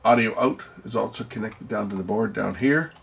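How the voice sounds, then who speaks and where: A man with a lowish, gravelly, slightly bright voice gives casual teardown commentary on a piece of electronics, as if hosting a hands-on video. Speaking at a moderate pace, he muses aloud and puts questions to himself, with faint noise in the background.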